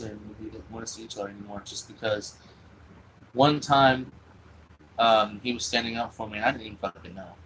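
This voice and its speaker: A man's voice: lowish voice, noisy background. A young man telling a long personal story in a rambling, profane, casual way. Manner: rambling, profane, full of fillers and restarts.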